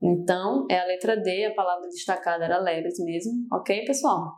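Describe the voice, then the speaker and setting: A woman's voice: fairly low pitch, moderate pace, darkish tone. A young adult woman with a Brazilian accent teaching a grammar lesson for exam prep, explaining step by step and often turning to her students. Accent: Brazilian Portuguese.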